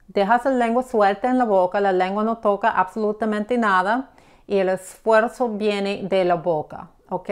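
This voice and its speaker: A woman teaching English pronunciation, explaining slowly and checking in with the listener as she gives examples. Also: mid-range voice, smooth. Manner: patient, repeats examples, checks with "ok?". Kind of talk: slow explanatory lesson.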